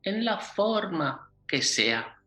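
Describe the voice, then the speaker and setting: A man, a workshop facilitator, telling a traditional tale in a slow, deliberate way with many repetitions. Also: sits high, very animated, sharp tone. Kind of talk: storytelling to open a workshop. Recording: roomy echo, faint music.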